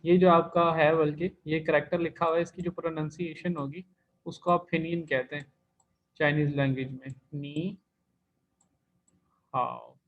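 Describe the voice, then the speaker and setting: A man with a fairly high voice teaches a class, patient and methodical as he walks through each sound and term. The recording is dull and lo-fi, as from an online class on a computer mic. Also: flat delivery, moderate pace. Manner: patient, explains step by step, repeats terms. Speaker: language teacher.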